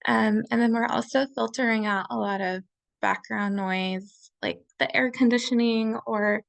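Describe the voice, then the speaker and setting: Over a video call, a young woman presents her class assignment as a casual slideshow, chatty, quick to laugh and full of fillers. Her slightly high voice has a gravelly fry, and she takes her time. The audio is dry and close, with no room sound or echo.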